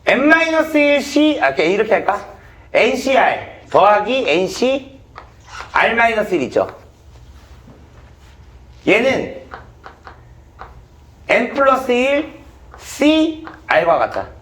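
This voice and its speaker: A man's voice: very high voice, very animated, slow, long pauses, fairly bright tone. A male math teacher giving a classroom lecture, blunt and swearing casually as he quizzes students.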